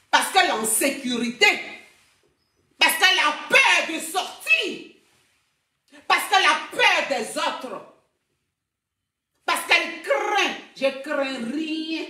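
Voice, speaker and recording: A woman's voice: high-pitched, sharp tone, recorded from a distance. Proud woman ranting in an echoey room. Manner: proud, declamatory, repeats slogans. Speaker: online content creator. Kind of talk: emphatic vlog rant. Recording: roomy echo, voice off-mic.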